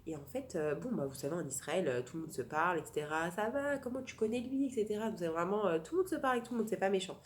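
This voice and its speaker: A woman with a low voice gives an informal religious lesson, talking in a hesitant way. She stops often on fillers and starts her sentences again. Faint background noise runs under the recording. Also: expressive, racing, hardly any pauses. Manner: hesitant, many fillers and restarts. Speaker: Torah class teacher.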